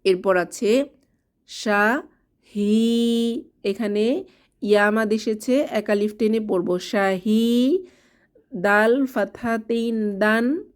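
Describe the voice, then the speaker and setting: Slow, patient woman teaching Quran reading. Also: fairly high pitch. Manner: spells out sounds slowly and repeats drills. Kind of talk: slow, careful recitation lesson.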